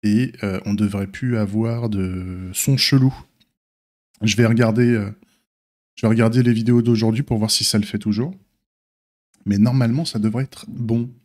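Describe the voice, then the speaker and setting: A man's voice: on the low side, fairly even intonation, normal speed, pauses often, a little mellow. A man with a slight lisp and slushy s sounds, giving a casual unscripted stream update in an informal, hesitant, thinking-aloud way. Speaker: streamer and software developer.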